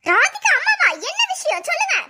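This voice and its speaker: A woman with a Thoothukudi accent voicing a fiery, quick-tempered middle-aged mother-in-law in a cartoon. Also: very high-pitched, sing-song, slight background noise, exaggerated voice. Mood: scornful. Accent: Thoothukudi Tamil. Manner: shouting, scornful. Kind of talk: cartoon voice acting.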